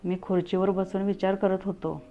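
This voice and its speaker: A woman narrating a scripted first-person story as a storyteller, in an earnest, steady way. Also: medium pitch, moderate pace. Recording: tinny phone-like audio, faint music.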